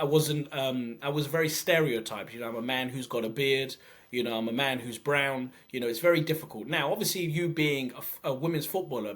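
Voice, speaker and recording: A male journalist hosting an interview, asking long, halting questions. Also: mid-range voice, a bit bright.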